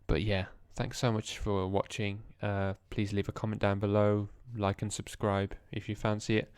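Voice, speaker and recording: A young man, talking in a hushed, tired voice as he thinks aloud through language practice in a casual vlog. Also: on the low side, completely flat delivery, moderate pace, clear, resonant tone, no room sound, clean studio sound. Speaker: language learner vlogger. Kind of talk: casual screen-recorded vlog.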